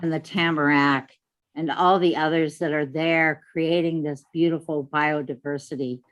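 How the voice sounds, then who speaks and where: A woman from the Lake Superior Ojibwe homelands speaking slowly and reflectively on a video call, pausing often and filling gaps with "um". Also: deep voice, fairly even intonation, rough recording. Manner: unhurried, reflective, many pauses and fillers. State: out of breath. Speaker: panelist. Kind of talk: slow casual online talk.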